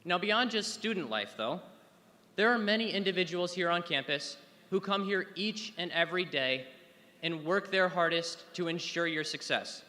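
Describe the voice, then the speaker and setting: A man with a high, bright, forceful voice delivers an upbeat convocation welcome. His speech rings through a large hall with a long reverb tail. It has the measured pacing of a formal address. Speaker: student government speaker.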